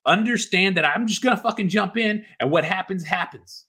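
Husky high-pitched man giving a motivational speech. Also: brisk. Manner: forceful, profanity-heavy exhorting; repetitive, emphatic phrasing. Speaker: motivational speaker.

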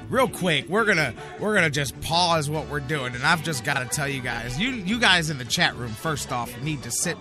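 A man hosting a sports talk show in a casual, rambling way, restarting phrases and filling pauses as he talks. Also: on the high side, over music. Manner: excited and rambling, with frequent restarts and fillers.

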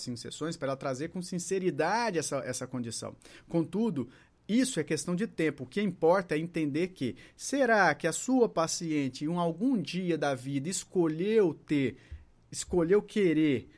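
Um homem com sotaque brasileiro, terapeuta dando uma aula informal em vídeo, conversando com o público com perguntas retóricas. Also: male voice, a little high. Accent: Brazilian Portuguese. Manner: chatty, asks the audience rhetorical questions, acts out patient dialogues. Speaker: holistic therapist teaching. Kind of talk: informal video lesson to viewers.

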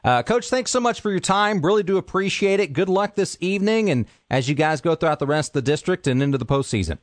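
A man's voice: on the high side, animated, fast, no echo. Dry-sounding male radio sports reporter.

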